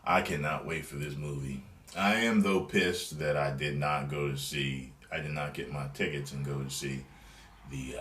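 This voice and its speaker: A man's voice: a bass voice, reverberant, slight background noise. A man giving a casual, profane, rambling review of a movie trailer, acting out scenes as he goes. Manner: animated, rambling, acts out scenes in voices.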